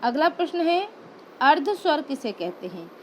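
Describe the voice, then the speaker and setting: A woman's voice: sits high, big pitch swings, normal speed, a little mellow, slight background noise, low-quality recording. A woman teacher giving an exam-prep lesson, patient and step by step, asking questions and answering them herself. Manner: patient, explains step by step with repeated checks.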